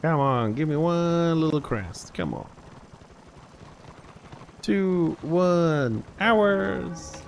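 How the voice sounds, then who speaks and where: A man's voice: on the high side, expressive, very slow, gravelly, pauses often, a little hiss or hum. A man with a Greek accent streaming a game live, grumbling and swearing as he restarts his sentences. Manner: restarts and trails off mid-sentence. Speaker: gaming livestreamer. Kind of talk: casual live gameplay commentary.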